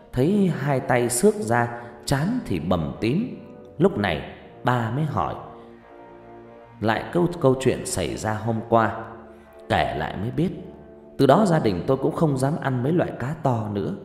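A man's voice: medium pitch, a little mellow. A man narrating a first-person ghost story dramatically. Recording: echoey reverb with background music.

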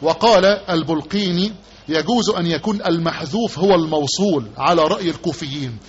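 A man's voice: fairly high pitch, brisk. A man with an Egyptian Arabic accent giving a religious lesson as a sheikh, repeating key words and quizzing his listeners with rhetorical questions. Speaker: sheikh teaching hadith commentary. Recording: dull lo-fi lesson recording with faint background noise.

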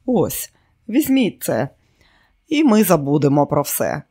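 A man's voice: fairly high pitch, wildly swooping pitch, slow, warm tone, breathy edge, heavily acted. A menacing, impatient man, as an audiobook reader puts him on, snapping and growling. He talks in a pressed, raised voice, sometimes dropping to a hiss. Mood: scheming. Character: impatient, menacing male pursuer.

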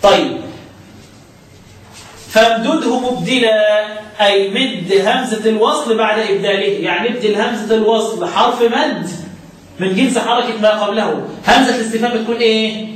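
High-voiced Egyptian sheikh in an echoey room. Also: male voice. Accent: Egyptian Arabic. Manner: chants verses slowly, then explains in lively colloquial speech with rhetorical questions. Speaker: Quran recitation teacher. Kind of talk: religious lesson explaining a chanted poem. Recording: very echoey room, mic far off.

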